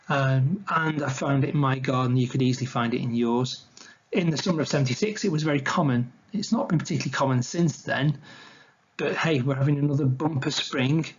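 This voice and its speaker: A man's voice: mid-range voice, lo-fi sound, slight background noise. Man giving a chatty illustrated nature talk. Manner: conversational, chatty and informal. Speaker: wildlife educator presenting a talk.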